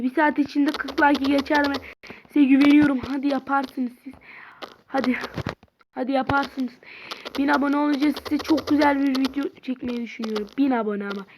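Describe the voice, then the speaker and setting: A woman's voice: high voice, fairly even intonation, moderate pace. A woman giving casual, rambling let's-play commentary and chatting to her viewers while she plays. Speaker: gamer. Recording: noisy home mic with clicks.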